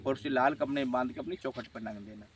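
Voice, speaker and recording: A man's voice: mid-range voice, fast. A man acting as a shrine healer, giving a visitor firm, assertive advice. He keeps promising results and checking that he is understood. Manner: assertive, repeats "guarantee" and checks "ठीक है?". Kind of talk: advising a visitor.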